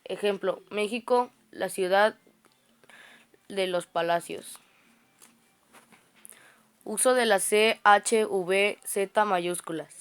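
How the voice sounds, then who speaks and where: A woman's voice: mid-range voice, slow, pauses often, a bit bright, clean tone. A woman reading grammar study notes aloud, often stumbling and restarting words. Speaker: student reciting study notes.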